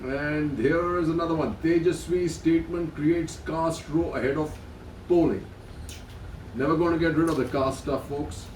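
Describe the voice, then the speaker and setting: A middle-aged man runs through the day's headlines in a loose, casual way, tossing in blunt comments of his own. His voice sits a little high and sounds set back from the microphone in an echoey room, with faint ambience behind him. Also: recorded from a distance, a little hiss or hum. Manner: reads headlines then adds blunt asides; hesitant restarts between headlines. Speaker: news commentator.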